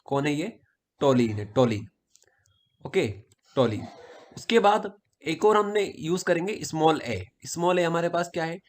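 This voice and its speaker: A man's voice: fairly high pitch, animated, unhurried. A man from Madhya Pradesh teaching chemistry in a casual exam-prep lesson, repeating key points and asking and answering his own questions. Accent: Hindi-speaking Madhya Pradesh.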